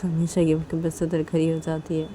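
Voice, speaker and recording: A woman telling a romantic story in informal narration, with a plain, low-key delivery. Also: monotone, normal speed, dark tone, a little hiss or hum.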